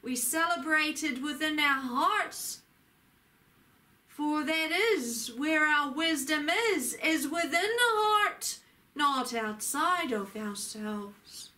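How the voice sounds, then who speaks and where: In a high, bright voice, a woman who is a spiritual channeler preaches a channeled sermon. She is very slow and solemn, stretching each phrase out between long pauses and declaiming like a prophet speaking to the faithful.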